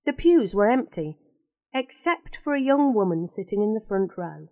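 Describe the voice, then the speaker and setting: A woman reading a children's storybook aloud in an expressive, lively storytelling manner. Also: mid-range voice, normal speed, no echo. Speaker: narrator.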